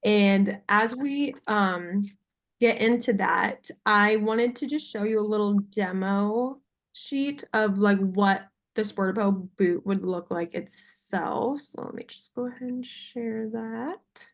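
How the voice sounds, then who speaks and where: A woman's voice: mid-range voice, slow. A young adult woman giving a sales presentation on a video call in an informal, somewhat hesitant way. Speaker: salesperson pitching to a buyer. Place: video call with screen sharing.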